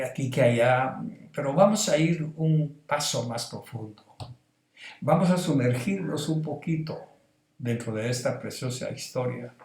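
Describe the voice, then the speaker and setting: A man's voice: mid-range voice, a little mellow. A middle-aged pastor with a Salvadoran accent preaching a sermon, building emphasis as he goes. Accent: Salvadoran Spanish. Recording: roomy echo.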